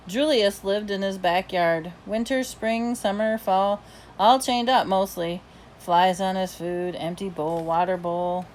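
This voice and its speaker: A woman's voice: medium pitch, slight background noise. A woman reading a children's novel aloud, narrating chattily and expressively in the first person as a dog. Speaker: reader.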